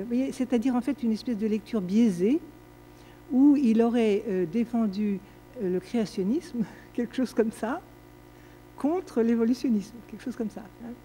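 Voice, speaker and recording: An older woman answers a question from the floor at a lecture, wandering from point to point with plenty of fillers and restarts. Her voice is mellow and sits in a middle register. A faint hum and some noise run under the recording. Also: medium pitch, poor audio. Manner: digressive, lively, many fillers and restarts.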